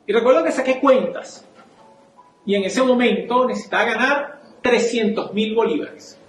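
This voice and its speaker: A high-voiced man with a Venezuelan accent tells a personal testimony from the pulpit, acting out each conversation. The sound is roomy, with soft music underneath. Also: moderate pace. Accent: Venezuelan Spanish. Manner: storytelling, acts out dialogue, animated. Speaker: church speaker. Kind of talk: sermon testimony. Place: church.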